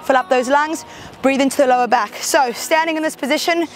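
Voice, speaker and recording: A woman's voice: high voice, a little fast, a little hiss or hum. A woman fitness instructor leading a workout, cheering on and counting down reps, a bit out of breath from moving along, with a mic close to her mouth. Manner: upbeat, encouraging, counting down reps. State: slightly out of breath while exercising. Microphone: headset or clip-on mic close to mouth.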